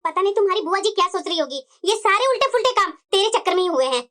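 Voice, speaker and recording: A woman's voice: very high-pitched, expressive, rapid-fire, a bit bright, soft background music. A woman voicing a fussy, nagging middle-aged mother in a family cartoon drama. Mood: complaining.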